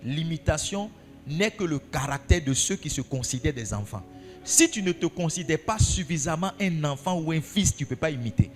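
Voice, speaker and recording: A man's voice: fairly high pitch, lively intonation, normal speed, in a large hall, faint music behind. A male pastor preaching a sermon, asking his congregation questions and repeating key phrases for emphasis.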